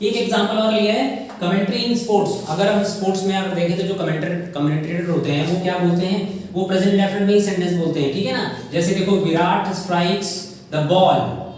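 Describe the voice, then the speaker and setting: High-voiced teacher in an echoey room. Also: male voice, darkish tone. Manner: explains step by step, addresses viewers as children. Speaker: English grammar teacher. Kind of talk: classroom lesson. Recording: very echoey room, far from mic, faint noise.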